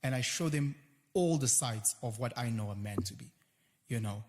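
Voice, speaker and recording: Animated South African man in a reverberant room. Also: medium pitch, moderate pace, background noise. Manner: animated, acts out voices and quotes in passing. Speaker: guest. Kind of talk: casual conversation.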